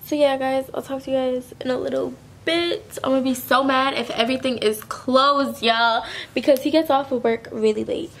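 Sick and sounding stuffy and nasal, a young Florida woman in her twenties does a casual vlog chat to camera, rambling in slang as a lifestyle vlogger. She speaks high with fairly even intonation at normal speed and few pauses; slight background noise can be heard.

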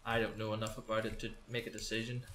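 A man's voice: fairly low pitch, monotone, fast talker, a bit bright. A young man with a Scottish accent giving nervous, sweary gameplay commentary as host of a gaming recording. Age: young adult. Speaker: gamer host. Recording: roomy echo, faint background noise.

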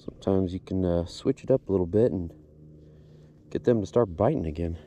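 Man, low mellow voice, easygoing fishing chat, outdoors on a boat, faint background noise. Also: fairly quick. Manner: laid-back, upbeat, says "boom" a lot. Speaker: fishing channel host. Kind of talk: casual fishing commentary. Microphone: action camera on the boat.

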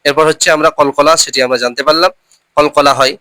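A man teaching a recitation lesson. He spells out letters and syllables slowly, repeats them, and keeps reminding listeners to remember the rules. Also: fairly high pitch, steady tone, pushed and bright, no room sound, low-quality recording.

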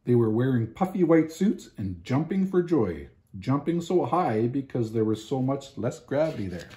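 A mellow-voiced man at medium pitch reads a children's picture book aloud indoors in a living room at home. His delivery is expressive and unhurried, punctuated by emphatic pauses.

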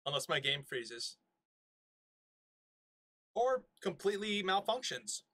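A man's voice: sits high, very animated, slow, bright, forceful tone. A man streaming a shooter game, joking and chatting playfully with his viewers. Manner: playful, jokey, talks to chat. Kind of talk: casual gameplay commentary.

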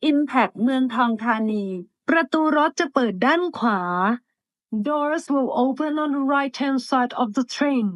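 A woman's high, clear voice reads a recorded formal train announcement in two languages. She is slow and polite, spacing each phrase evenly. The sound is close and dry, with no room echo.

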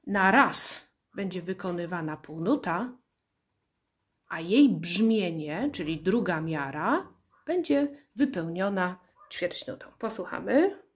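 Patient woman teaching rhythm, slow and breathy. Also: lowish voice, animated. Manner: patient, spells out syllables and counts aloud. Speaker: music teacher. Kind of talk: slow, deliberate classroom explanation.

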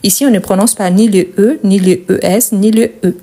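A woman teaching French verb conjugation, explaining slowly and stressing each example word, often checking in with "Ok?". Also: mid-range voice, steady tone, warm tone. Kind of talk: conjugation lesson.

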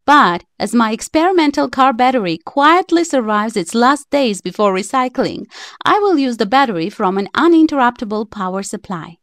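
A woman's voice: on the high side, lively intonation, normal speed, a bit bright, no room sound, studio quality. A woman reading a prepared script as the voice-over narrator of a DIY electronics tutorial, in plain, slightly stiff phrasing.

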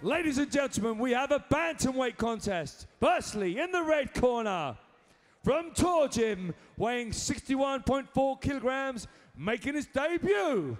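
A man works as a fight-night ring announcer. His voice is booming and pitched very high for a man, with slow, stretched-out formal introductions. It rings through a big hall with long reverb. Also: very animated, soft background music. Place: large indoor fight venue.

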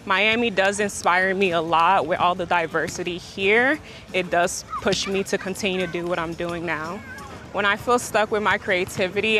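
A woman's voice: fairly low pitch, sharp tone, slight background noise. A woman from Haiti, a photographer, speaking sincerely in an interview. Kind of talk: interview monologue.

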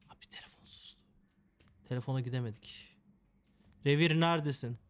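Man, let's-play commentary, joking, chatty, mock-dramatic grumbling, average pitch. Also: a little fast. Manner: joking, chatty, talks to game characters. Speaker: gameplay commentator.

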